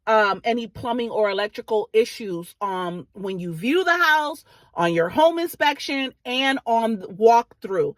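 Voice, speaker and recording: A woman's voice: on the high side, a bit bright, dry recording. A woman real estate agent talking informally to viewers, explaining advice in a conversational way and often checking that they follow. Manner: conversational, explanatory, checks understanding with "right?" and "okay?".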